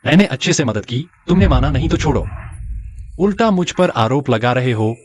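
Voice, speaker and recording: A man doing a cocky broke hero, jokey and swaggering, lively pitch, light hiss. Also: normal speed, lightly acted. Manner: cocky and teasing. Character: cocky young man, broke, wisecracking bodyguard. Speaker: brash hero. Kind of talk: dubbed drama acting.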